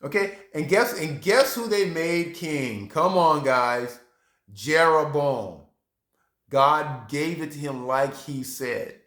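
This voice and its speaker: A man preaching a sermon, talking straight to his congregation, acting out reactions and breaking into high exclamations. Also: takes it slowly, fairly bright tone, roomy sound. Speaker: pastor.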